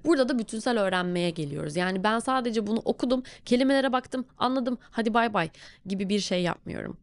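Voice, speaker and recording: A woman with a mid-range voice and a Turkish accent gives a casual English lesson, walking the learner through each step in a lively way. The recording is dry.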